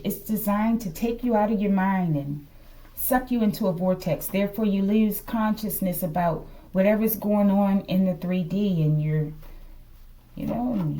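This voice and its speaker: A tarot reader with an American accent gives a casual, improvised card reading to her viewers in a soft-edged, mellow, medium-pitched voice, musing aloud and often checking in with "okay." The microphone is a little distant from her, and the audio is poor.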